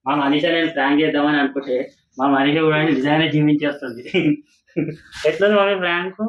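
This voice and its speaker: A man's voice: on the high side, fast, slight background noise, poor audio. A man, teasing his family and talking to viewers in a casual vlog. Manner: teasing, addresses viewers as friends. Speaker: vlogger, husband pulling a prank.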